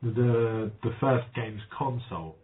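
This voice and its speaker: A man's voice: mid-range voice, takes it slowly. A man chatting casually, reminiscing in a rambling way with many ums and restarts. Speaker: podcast guest. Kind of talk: casual chat. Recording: tinny phone-like line, faint noise.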